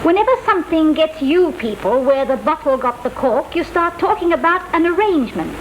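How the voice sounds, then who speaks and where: Pert young English woman, very high, swooping voice, slangy witty 1930s banter, noisy old film sound. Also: sing-song, brisk. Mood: defiant, sarcastic. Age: young adult. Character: cheeky, outspoken lower-class young English woman. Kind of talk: 1930s drawing-room comedy acting, witty period banter.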